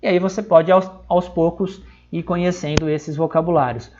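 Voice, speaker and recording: A man's voice: a little high, fairly even intonation, moderate pace, a little mellow, dull audio. Chatty São man teaching online. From São Paulo, Brazil. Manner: chatty, checks in constantly with tag questions. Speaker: English teacher. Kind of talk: live-streamed online lesson.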